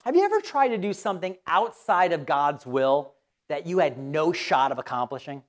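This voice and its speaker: A woman's voice: deep voice, very animated, moderate pace. A woman pastor giving a conversational sermon, asking her listeners questions and acting out quoted voices. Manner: conversational, asks the audience questions.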